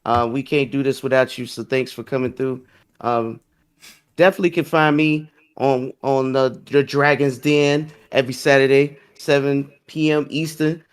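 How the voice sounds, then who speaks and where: A man's voice: medium pitch, level tone, normal speed, smooth. A man co-hosting a gaming podcast, easygoing and casual, with fillers as he plugs his streams. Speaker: podcast co-host. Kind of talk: casual chat.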